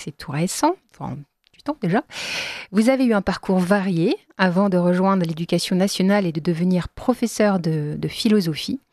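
A woman hosting a radio talk show, introducing guests in a measured way. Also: lowish voice, a little mellow, no echo, clean studio sound. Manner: measured, slowing on key phrases, light laughs. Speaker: radio host.

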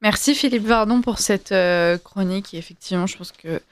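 A woman's voice: mid-range voice, brisk, smooth, no echo. A woman hosting a live radio talk show, linking segments and addressing guests. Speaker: radio host.

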